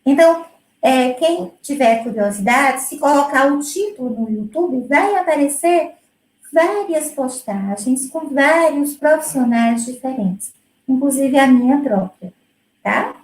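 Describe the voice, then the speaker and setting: High-voiced woman explaining her music teaching. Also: animated, unhurried, darkish tone, roomy sound, rough recording. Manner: explanatory, with many fillers and restarts. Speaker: music educator presenting her work. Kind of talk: conversational presentation.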